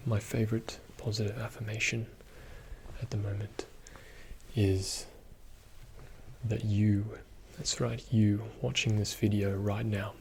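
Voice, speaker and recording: A man giving a soothing, reassuring ASMR pep talk in a soft-spoken, often whispered voice, slow and deliberate. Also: fairly low pitch, level tone, creaky, slight background noise. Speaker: ASMR video host.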